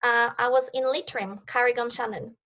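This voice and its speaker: Thirties woman with a Polish accent, eager and upbeat, a touch high-pitched. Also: fairly even intonation, moderate pace, fairly bright tone. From Poland. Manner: enthusiastic, eager. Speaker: guest, networking coach. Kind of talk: interview answers. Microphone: video call.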